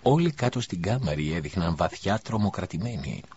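A man narrating an audiobook in a calm, measured reading voice. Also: deep voice, slight background noise. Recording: dull lo-fi recording.

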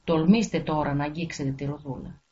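Menacing fairy godmother voiced by a woman, thundering threats, lowish voice, muffled lo-fi audio. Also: steady tone, darkish tone, close to an everyday voice. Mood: threatening. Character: wrathful powerful female fairy godmother.

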